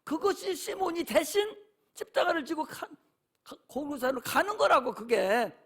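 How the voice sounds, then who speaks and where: Impassioned, high-voiced male pastor preaching. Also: a bit bright. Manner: impassioned, emphatic, repetitive preaching. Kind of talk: sermon. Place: church sanctuary.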